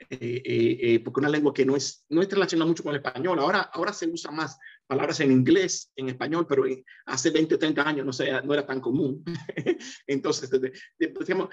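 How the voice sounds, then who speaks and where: A middle-aged Dominican man telling his life story in an interview, hesitating often with repeated fillers and restarts. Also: a little high. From Dominican Republic. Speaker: interview guest, economist. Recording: dull, slightly lo-fi sound.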